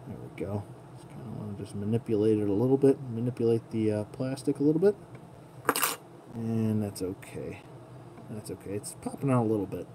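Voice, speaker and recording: A fairly low-pitched man talks fairly quickly while hosting an informal toy-hobby tutorial, murmuring under his breath as he works with his hands. The setting is an indoor tabletop, and noticeable room noise runs through the recording.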